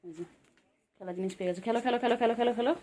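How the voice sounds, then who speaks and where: A woman's voice: on the high side, very fast, a little mellow. A woman filming her cats at home, talking baby talk to them in a cooing, sing-song way with lots of repeated words. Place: home with pets.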